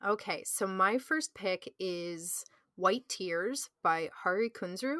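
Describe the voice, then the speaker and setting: A woman co-hosting a podcast, talking in a chatty, gushing way with many fillers. Her voice sits mid-pitch and is recorded close and dry, with almost no room sound. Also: slow, bright, forceful tone, no echo. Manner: enthusiastic, chatty, filler-heavy. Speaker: podcast co-host. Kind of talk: casual chat.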